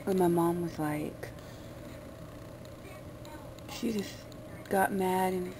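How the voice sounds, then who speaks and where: A woman's voice: lowish voice, fairly even intonation, extremely slow, noisy background. A woman vlogger talking loosely and chattily as she shows off her gifts, recorded on a phone. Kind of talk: casual haul vlog.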